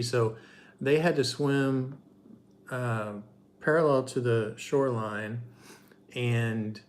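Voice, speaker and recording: A middle-aged man co-hosting a livestream, telling a story casually in short, halting pieces. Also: mid-range voice. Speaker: livestream co-host.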